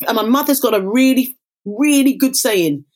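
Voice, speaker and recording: A woman life coach speaks as a guest with a slightly higher-pitched voice. She talks emphatically and motivationally, punctuating her points with catchphrases. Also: animated, normal speed, a little mellow. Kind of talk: casual conversation.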